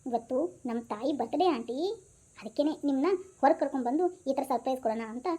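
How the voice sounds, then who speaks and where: A woman voicing an emotional young man who calls the older woman aunty, speaking softly and pleadingly. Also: sits high, quick pace, breathy edge.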